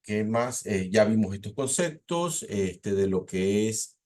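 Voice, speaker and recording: A man teaching a seminary preaching class, explaining points in a relaxed lecture with fillers and rhetorical questions. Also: fairly low pitch, slow pace. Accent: Latin American Spanish.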